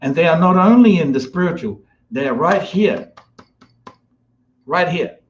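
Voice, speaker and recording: A man's voice: a little high, dull audio. Man from New giving a rambling spiritual talk. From New Zealand. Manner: meandering, repetitive, with many restarts and fillers. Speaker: spiritual guest speaker.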